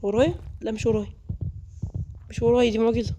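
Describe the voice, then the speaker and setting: A man with an Egyptian Arabic accent giving excitable live gameplay commentary, chattering to viewers. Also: extremely high pitch, fast, noisy background. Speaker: gaming video creator.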